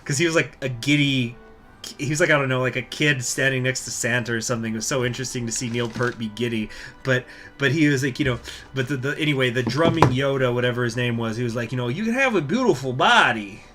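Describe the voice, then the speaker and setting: A man's voice: medium pitch, fairly even intonation, fast talker, a bit bright, soft background music. A young man hosting a strategy game video, rambling in crude, meandering commentary and often losing his train of thought. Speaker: gaming channel host.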